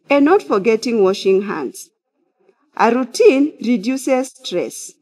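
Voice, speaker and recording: A middle-aged woman, a counseling psychologist, speaking at a church pulpit to online viewers in a measured, instructive way. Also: mid-range voice, a little mellow. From Kenya. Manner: measured, instructive, opens with prayer. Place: church sanctuary behind a glass pulpit.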